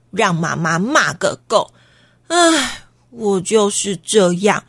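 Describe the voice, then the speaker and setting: A woman's voice: mid-range voice, fairly bright tone, no room sound. A woman reading and telling a children's story, talking directly to the young listeners and asking them questions.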